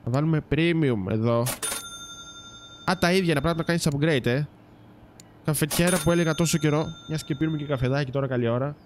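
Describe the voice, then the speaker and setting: A man's voice: mid-range voice, slight background noise. A man giving casual let's-play commentary, chatting to viewers and teasing the game's characters. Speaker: gaming YouTuber.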